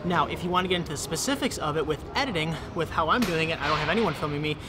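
Animated and very fast, a young adult man with a fairly high pitch shoots a casual how-to vlog in a large indoor gym, with background noise behind him. A fitness video creator, he chats through each step for a tripod camera close by.

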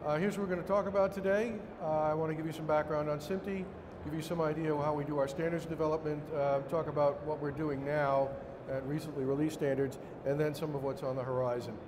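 A man's voice: a little high, fairly even intonation, fast talker, few pauses. Echoey middle-aged man with a Brooklyn accent. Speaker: conference speaker standing in for a director. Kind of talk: formal slide presentation. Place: indoor conference room with seated audience. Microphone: podium microphone, later picked up by hand. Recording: echoey hall, noisy room ambience.

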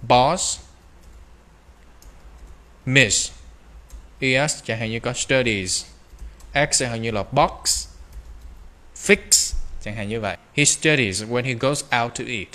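A man teaching English pronunciation, drawing out slow model phrases between quick explanations. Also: mid-range voice, bright, forceful tone. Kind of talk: pronunciation lesson.

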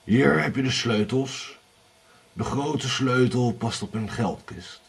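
A man voicing a rich, menacing husband who gives calm, threatening warnings. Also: medium pitch, slow pace, vocal fry, husky, recorded from a distance, heavily acted.

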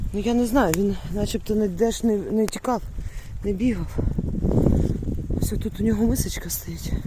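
A woman talking casually to the camera in a village yard, calling for her dog in high sing-song bursts. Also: warm tone. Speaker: vlogger. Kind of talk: casual vlog narration. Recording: noisy outdoor recording. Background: animals and rural outdoor sounds.

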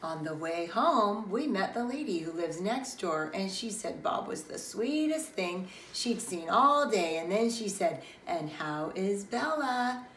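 A middle-aged woman and preschool teacher reading a children's picture book aloud in an expressive storytelling manner. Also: medium pitch, measured pace, hardly any pauses, slight background noise. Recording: roomy, distant mic, faint ambience.

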